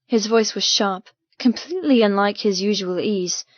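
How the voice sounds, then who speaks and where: Reading first-person fiction, a female audiobook narrator uses a mid-pitched voice with dramatic intensity at a moderate pace. The recording is very dry and a little dull, without echo.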